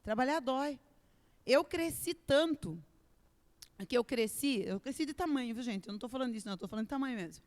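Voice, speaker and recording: A woman with a Brazilian Portuguese accent preaching a live church sermon, expressive and dramatic, swinging between soft and loud delivery. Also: high voice. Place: church sanctuary. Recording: echoey church hall with long reverb.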